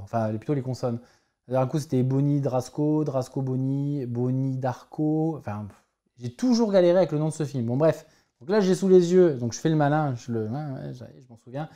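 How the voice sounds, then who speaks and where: A man's voice: mid-range voice, mellow. A man in his forties hosting a casual review vlog of his film collection, rambling, correcting himself and hesitating often. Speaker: film collector and channel host.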